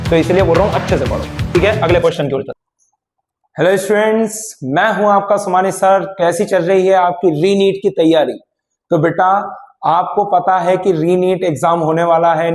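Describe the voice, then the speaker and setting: A high-voiced male physics teacher lecturing exam students at a smart board. He mixes Hindi and English and reads the question text out slowly. The room sounds echoey. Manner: addresses students as beta, mixing Hindi and English. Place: classroom studio at a smart board.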